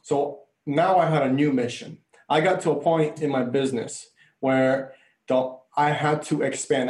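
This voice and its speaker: A man's voice: mid-range voice, a little mellow, roomy sound. A man from Bulgaria, a native Bulgarian speaker, telling his story earnestly as a coach and speaker in an interview. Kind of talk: conversational interview.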